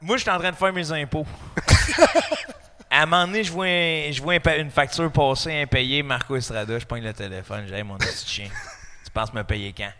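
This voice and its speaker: Man, Québécois accent, bright, slightly high voice, deadpan joking, echoey hall. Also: moderate pace, slight background noise. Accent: Québécois French. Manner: teasing, deadpan storytelling. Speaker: guest comedian. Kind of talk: joking banter.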